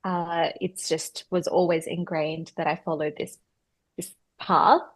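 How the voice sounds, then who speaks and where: Woman, 30s, chatty storyteller, lowish voice, dry close recording. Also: measured pace, no room sound. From Australia. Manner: chatty, animated storyteller with many fillers and self-corrections. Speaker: guest, personal stylist. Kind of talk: podcast interview storytelling.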